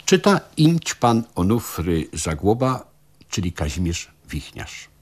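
A man's voice: fairly low pitch, very animated, slow. A man on radio making a playful, declamatory appeal and announcing a quiz. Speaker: radio presenter. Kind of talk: radio presenting.

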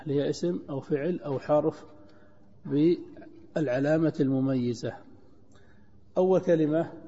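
A man's voice: a little high, warm tone, husky. A man teaching a grammar class as a sheikh, putting questions to his students and repeating their answers back with emphasis. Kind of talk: classroom lecture quizzing students. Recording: dull lo-fi with long hall reverb.

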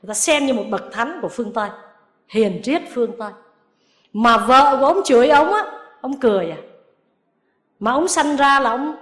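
A woman, a Buddhist nun, giving a sermon with lively storytelling and acting out the people she quotes. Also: high-pitched, roomy sound.

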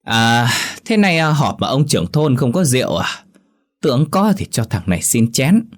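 A man's voice: medium pitch, very animated, normal speed, pitched above the performer's own voice. A man voicing a drunk, brash young village man who slurs and talks crudely. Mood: cadging. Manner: slurred, drawling and crude.

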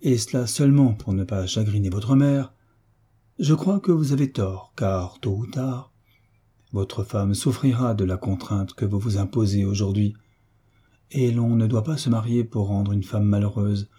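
A man's voice: lowish voice, measured pace, dark tone, slightly rough. A man voicing a blunt, affectionate old navy veteran who speaks frankly and firmly. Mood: earnest. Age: older. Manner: frank, firm, plain-spoken.

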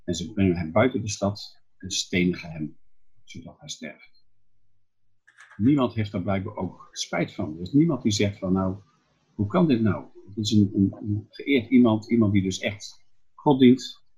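A low, very husky male voice preaching a Bible exposition. He explains things step by step and keeps asking questions, then answering them himself. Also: moderate pace, a little mellow, muffled recording. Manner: explanatory, asks and answers his own questions.

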